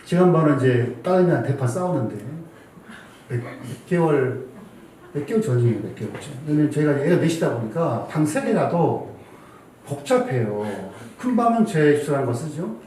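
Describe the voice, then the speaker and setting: A man's voice: on the high side, expressive, moderate pace, warm tone, slight background noise. A man in his forties preaching a Sunday sermon in a church hall, telling a family story and acting out his own angry scolding. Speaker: pastor. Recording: echoey hall from far off.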